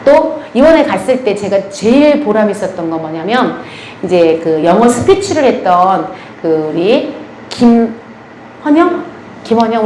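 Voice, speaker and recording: Lively lady telling church stories, bouncy high voice, roomy hall w/ faint hum. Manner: animated storytelling with frequent laughter. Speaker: church ministry lecturer. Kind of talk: lively anecdotal talk to a church audience.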